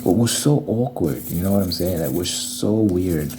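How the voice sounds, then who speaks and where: Low-voiced young man chatting, noisy recording. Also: lively intonation, normal speed. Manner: informal, slangy, complaining. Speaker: ASMR video creator. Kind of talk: casual rambling chat in an ASMR video. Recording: noisy recording with clicking sounds.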